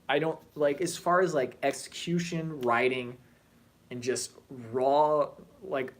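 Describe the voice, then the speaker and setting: A man vlogging in a casual, animated way, chatting and drifting between tangents. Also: mid-range voice. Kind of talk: casual chat to camera.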